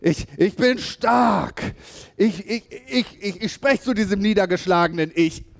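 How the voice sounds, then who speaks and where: A man voicing a downcast church member who stammers, then loudly declares new strength. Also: sits high, unhurried, creaky. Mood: fired up. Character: downcast churchgoer rising to bold confidence.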